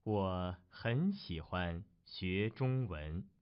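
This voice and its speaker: A man reading the part of a learner in a slow textbook dialogue, articulating each word carefully. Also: low-pitched, lively intonation, smooth, heavily acted. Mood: plain. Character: adult male learner named Tim. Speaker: dialogue reader. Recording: dull lo-fi recording.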